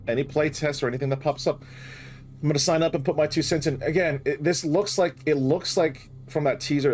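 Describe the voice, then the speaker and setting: A man hosting a gaming reaction video, a mid-pitched voice that jumps up when something excites him. He swears freely and talks over the clip he is watching. The delivery stays casual and loose.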